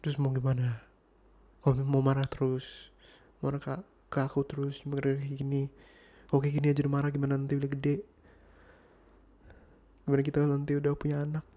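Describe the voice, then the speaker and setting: A man's voice: medium pitch, monotone, brisk, pauses often, close to an everyday voice. A man playing an irritated young boyfriend in an ASMR role-play, arguing insistently and sometimes dropping to a whisper. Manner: exasperated, insistent, slipping into soft whispers.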